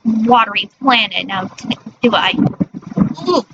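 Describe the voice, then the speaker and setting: A woman's voice: medium pitch, slow, gravelly. A woman chatting casually on a livestream in a cute, girlish anime-streamer manner, often stumbling over her words. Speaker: streamer, virtual character persona. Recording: dull lo-fi mic with faint noise.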